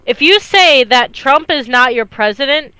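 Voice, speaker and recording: Bright, clear woman debating. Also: high voice, animated, normal speed, dry recording. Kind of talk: casual debate.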